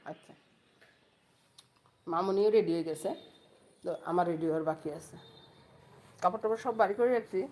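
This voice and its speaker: Speaking fairly quickly with frequent pauses, this middle-aged vlogger from Noakhali, Bangladesh, has a fairly low, darkish voice. She chats casually with her viewers from home, recorded on a phone camera, and keeps checking whether they "understand?"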